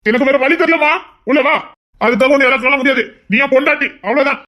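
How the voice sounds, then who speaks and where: A man voicing a possessive, lovesick young husband in an audio romance drama, talking in an insistent, commanding way that turns low and tender. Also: fast talker, highs cut off.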